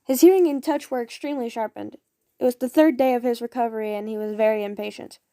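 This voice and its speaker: A woman's voice: on the high side, fairly even intonation, fast, mellow, dry recording, clean studio sound. A woman casually reading fan fiction aloud, often stumbling over words and apologizing. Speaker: audio story reader.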